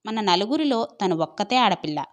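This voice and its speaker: A woman voicing a careful young man who speaks in a measured, considerate way in an audio story. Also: medium pitch, sing-song, natural voice. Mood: thoughtful.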